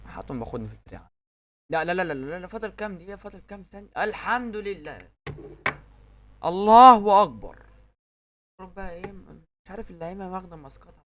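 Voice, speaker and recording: Fast, excitable Egyptian gamer man. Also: high-pitched, a little hiss or hum. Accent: Egyptian Arabic. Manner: excitable, shouts at the game and referee. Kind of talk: live gameplay commentary.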